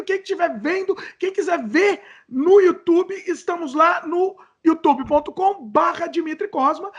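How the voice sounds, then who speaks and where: A man's voice: extremely high pitch, muffled recording. A young Brazilian man hosting a podcast in casual chat, playful and jokey, mocking himself. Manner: energetic. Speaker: podcast host.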